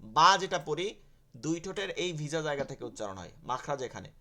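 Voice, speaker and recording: A man teaching an online Quran reading class, explaining step by step and having students repeat each letter sound while he gently corrects them. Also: a little high, big pitch swings, fast talker. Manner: conversational, gently correcting pronunciation.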